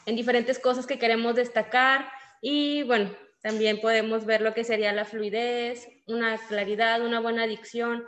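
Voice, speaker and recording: A woman teacher with a Mexican accent gives a class lecture, explaining things in a thinking-aloud way with fillers. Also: a little high. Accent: Mexican Spanish. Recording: echoey room.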